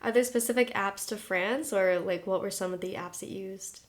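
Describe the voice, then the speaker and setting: A woman's voice: mid-range voice, moderate pace. A young woman hosting a podcast, asking questions in a chatty, upbeat way. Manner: chatty, upbeat, laughs along. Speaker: podcast host. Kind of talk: casual interview chat.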